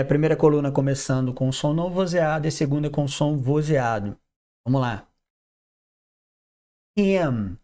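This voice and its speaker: A man's voice: fairly high pitch, a little mellow. A man teaching English pronunciation, reading out word lists one by one with short explanations in between. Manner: slow, drawn-out word drills with explanations. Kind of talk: didactic pronunciation lesson.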